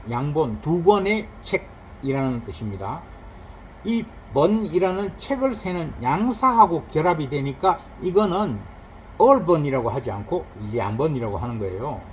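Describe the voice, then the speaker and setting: A man's voice: on the high side, slight background noise, low-quality recording. A man teaching a recorded Chinese grammar lesson, explaining patiently and drawing out spoken examples. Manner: lively explaining, drawn-out examples.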